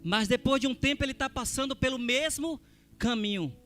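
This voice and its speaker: A man preaching a sermon as a missionary, speaking emphatically and rising to forceful exclamations. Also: very high voice, brisk, faint music behind.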